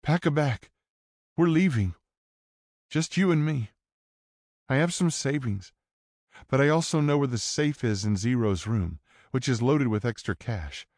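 A fierce, desperate young woman pleads in a raised, urgent voice that swings widely, as a man puts her on for an audiobook. Her tone pushes hard and snaps back quickly. The recording is close and dry, with no room sound. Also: mid-range voice, lively intonation, a little mellow, no echo, pitched above the performer's own voice. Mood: urgent pleading. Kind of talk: audiobook character voice.

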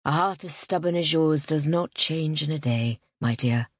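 A woman voicing a stern, controlling older father in a low, firm, measured voice in an audiobook reading. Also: husky, no echo, studio quality. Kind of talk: audiobook narration.

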